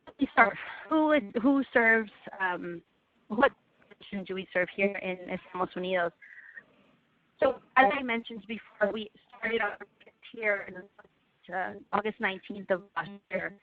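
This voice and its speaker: Woman speaking over a tinny phone line. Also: medium pitch. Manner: earnest, halting, with many restarts and fillers. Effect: heard over a phone line. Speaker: webinar presenter for a legal aid project. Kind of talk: presenting slides in a webinar.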